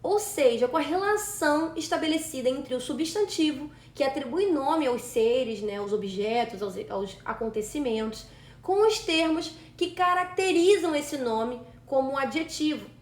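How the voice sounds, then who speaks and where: A woman teaching a grammar exam-prep lesson, methodical, slowing down to spell words out syllable by syllable. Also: sits high, lively intonation, roomy sound. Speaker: Portuguese teacher.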